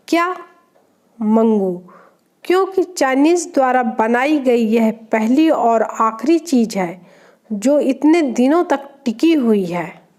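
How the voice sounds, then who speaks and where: A woman's voice: high-pitched, a little mellow. A woman reading short jokes aloud, naming each speaker before their line. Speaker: joke reader.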